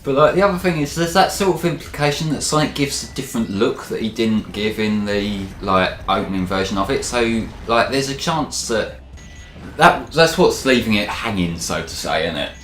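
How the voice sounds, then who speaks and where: A man with a low, very lively voice chats his way through a let's play, rambling and laughing as he goes. His voice bounces around a roomy, echoey space, with faint game music playing underneath. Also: moderate pace. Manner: rambling, laughs often, lots of "like". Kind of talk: casual gaming commentary.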